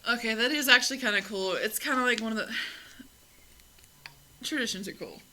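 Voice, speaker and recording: A woman's voice: on the high side, brisk, pushed and bright, slight background noise, rough recording. Giggly, cursing podcast co-host woman. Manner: giggly, swears freely, rambling. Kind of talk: casual chat. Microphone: close podcast mic.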